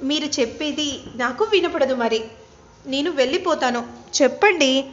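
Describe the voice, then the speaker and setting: A woman narrator putting on a young heroine who reproaches and taunts a hesitant man. The voice is a bit high. The recording sounds dull and lo-fi. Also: animated, moderate pace. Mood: reproachful.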